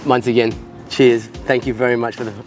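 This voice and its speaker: A man's voice: mid-range voice, level tone, brisk, music in the background. A man with an Australian accent hosting a casual interview in a matey, sweary, blokey way. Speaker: podcast host interviewing a guest. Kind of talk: casual chat.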